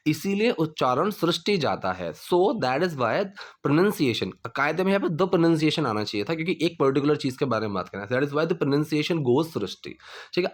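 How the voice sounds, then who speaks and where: A young man teaching English grammar to learners, explaining slowly, repeating phrases and checking in with "ठीक है?" after each point. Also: on the high side.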